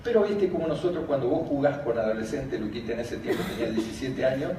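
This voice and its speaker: A man's voice: medium pitch, fast. An older man with an Argentine Spanish accent gives a conference talk. He tells funny stories and laughs as he speaks. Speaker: speaker on emotional education, former teacher. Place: large conference hall. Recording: very echoey hall, distant, background noise.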